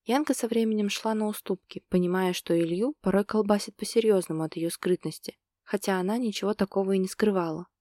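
A woman narrating a romance novel as an audiobook, telling it in an even, steady way. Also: medium pitch, a little fast, few pauses, dry recording, clean studio sound.

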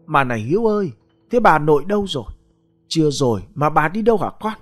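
A man's voice: on the high side, sing-song, quick pace, soft background music. A man voicing a fussy scolding old grandfather. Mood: calling. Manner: raised, scolding.

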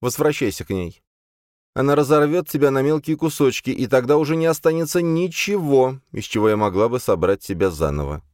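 Bitter, shouting mistress of a house, put on by a male reader, raised well above his low voice, dry and close. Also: lively intonation, a little fast, no room sound, lightly acted. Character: furious jealous older woman, house mistress.

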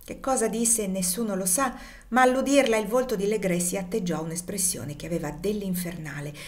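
A woman narrating a classic novel as an audiobook reader, in a measured, expressive reading. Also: mid-range voice. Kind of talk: scripted literary narration.

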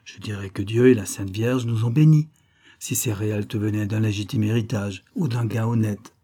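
A man's voice: lowish voice, normal speed, dark tone, close to an everyday voice. A man reading aloud and voicing a proud, earnest nineteen-year-old island woman in a classic adventure novel.

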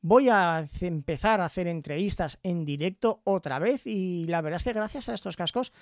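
Reviewing his headphones, a man from Zaragoza, Spain, talks casually into a studio microphone placed in front of him, frequently ending phrases with a quick "¿vale?". His voice is high, and the recording carries no room sound.

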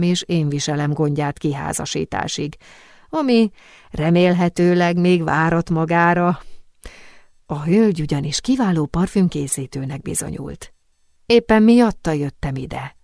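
A woman plays a suave, worldly perfume master in an audiobook, calm and assured with a light teasing edge. The voice is low and close, with no room sound. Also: creaky, no echo. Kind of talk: audiobook character reading.

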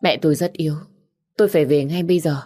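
An anxious young son pleads with emotion in an audiobook, voiced by a woman narrator. The voice stays low in pitch. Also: fast, dark tone. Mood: urgent. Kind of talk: audiobook character reading.

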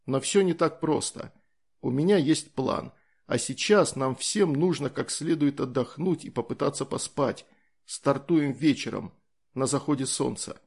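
A man voicing a calm, easygoing soldier in an audiobook, explaining things in a matter-of-fact way. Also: medium pitch, measured pace, creaky, husky.

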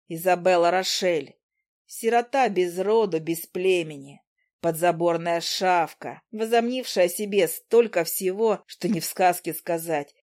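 A woman voicing a spiteful young man, an ex-boyfriend who jeers and sneers in a slow, lowered voice. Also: darkish tone, natural voice. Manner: sneering and mocking.

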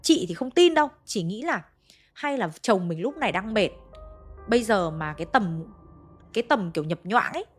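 Hanoi woman storyteller, chatty ghost-story narration over faint music. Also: medium pitch. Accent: Hanoi Vietnamese. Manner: conversational, addresses listeners.

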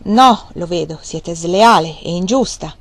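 A woman reading aloud, voicing a proud male mill owner who speaks with low, earnest intensity. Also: measured pace, no room sound. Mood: bitter.

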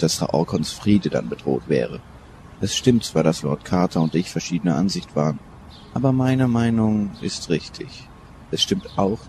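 An older professor of Egyptology in a radio play. He speaks in a very low voice, measured and in command. A faint hiss runs under it. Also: warm tone. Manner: measured, authoritative.

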